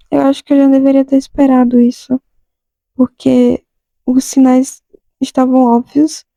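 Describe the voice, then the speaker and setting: A young woman in a casual lesson, reading English song lines slowly and then explaining them in a chatty way. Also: high voice, creaky, warm tone, no echo, low-quality recording. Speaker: song lyrics teacher.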